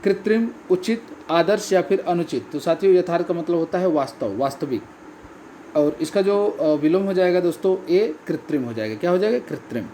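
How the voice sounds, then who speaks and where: A man's voice: high-pitched, lively intonation, a little fast, warm tone, a little hiss or hum. A man explaining the answers to a language test, repeating each key word and calling his listeners friends. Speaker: Hindi exam tutor.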